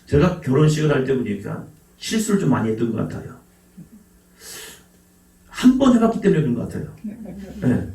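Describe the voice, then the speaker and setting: A man's voice: medium pitch, very animated, a little fast, pauses often, warm tone. A man preaching a Sunday sermon as pastor, who acts out God calling people by name with a raised voice. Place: church sanctuary. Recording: roomy church sound from a distance.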